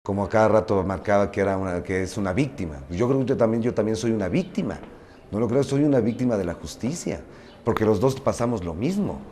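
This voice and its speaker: A man with a lowish voice argues his point in a documentary interview, casual yet insistent. A faint noise floor sits behind him. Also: expressive, fast, warm tone. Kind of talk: defending himself in an interview.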